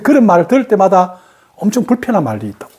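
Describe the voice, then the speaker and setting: A woman with a Gyeongsang accent teaching a meditation class, animated and acting out the speech of others in changed voices. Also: mid-range voice, quick pace. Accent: Gyeongsang Korean. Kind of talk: spoken meditation lesson.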